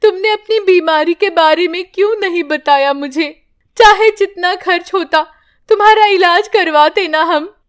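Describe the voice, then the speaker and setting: A woman's voice: extremely high pitch, unhurried, pitched above the performer's own voice. A woman voicing a caring mother-in-law who speaks with earnest worry. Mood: worried. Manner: worried, earnest.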